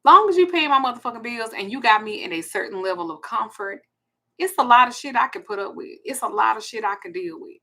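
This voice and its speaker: A woman's voice: a little high, animated, fast talker, sharp tone. A woman, hosting a blunt, profane ranting monologue. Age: 40s. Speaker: host.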